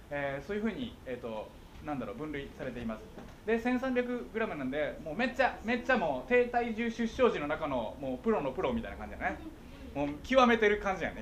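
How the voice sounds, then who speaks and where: The clip carries a little hiss or hum behind a fairly high-pitched man's voice. He is a middle-aged guest speaker with a Kansai accent, talking playfully to schoolchildren about visual impairment and frequently making sure they understand.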